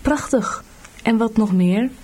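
A woman voicing an eager, fickle male traveling companion in a storybook audiobook, raised and excitable. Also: fairly high pitch, slow pace. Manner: excited, then quarrelsome and panicky.

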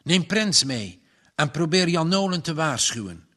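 A man's voice: on the high side, very animated, measured pace, sharp tone, heavily acted. A man playing a troubled old farmer. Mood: urgent. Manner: earnest, trembling. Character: big older farmer, gruff and troubled.

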